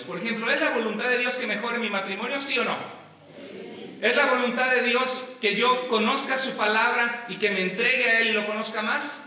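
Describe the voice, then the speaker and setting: A man preaching a sermon as pastor, animated, acting out little dialogues and firing questions at the congregation. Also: extremely high pitch. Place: church sanctuary. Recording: roomy church hall, distant mic.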